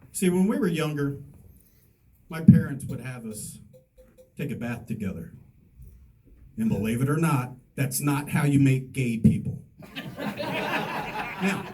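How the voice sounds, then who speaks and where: A middle-aged man does stand-up comedy, spinning a rambling story full of self-mocking asides. His voice is slightly high but soft and mellow in tone. He sounds a bit distant from the mic, with a faint hum of room ambience behind him. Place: comedy stage before a live audience.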